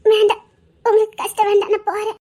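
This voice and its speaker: A tiny, very high-pitched little girl with a Tirunelveli Tamil lilt, as a woman puts her on. She is feverish and caring, and talks softly and tearfully, pleading in a family drama. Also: monotone, fast.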